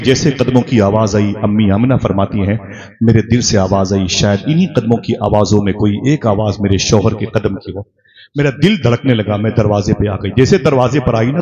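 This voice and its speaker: A man's voice: lowish voice, expressive, normal speed, highs cut off. Dramatic storytelling male preacher. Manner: dramatic, rhythmic, calls on the crowd to respond. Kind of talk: sermon storytelling. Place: religious gathering before a live crowd.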